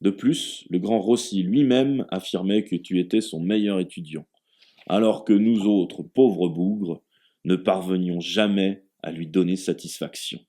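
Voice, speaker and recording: Hearty bellowing Italian host, big and loud, put on by a deep-voiced man reader. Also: measured pace. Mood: jovial. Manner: loud, hammering the words.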